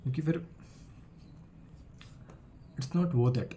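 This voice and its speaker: Speaking very slowly in a warm, mid-range voice, an 18-year-old Indian-accented man earnestly talks to the camera in his casual student vlog. He is recovering from a cold and mixes Hindi with English, and there is slight background noise.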